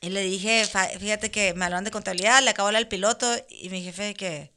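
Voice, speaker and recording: A woman in casual conversation, telling a long personal story in an animated way, laughing now and then. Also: medium pitch, fast talker. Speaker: guest.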